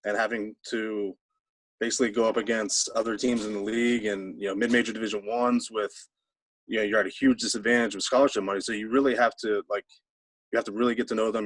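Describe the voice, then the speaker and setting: Low-voiced man, halting and reflective. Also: a bit bright, dry recording. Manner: halting, many fillers and restarts. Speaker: former assistant baseball coach. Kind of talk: casual video-call interview. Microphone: video call.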